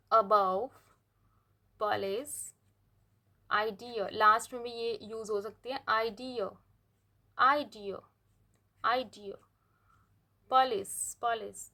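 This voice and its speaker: Slow-paced woman teaching pronunciation. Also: a little high, fairly bright tone. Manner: slow, drawn-out model words repeated for practice. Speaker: English phonetics teacher. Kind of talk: classroom-style lesson explaining pronunciation.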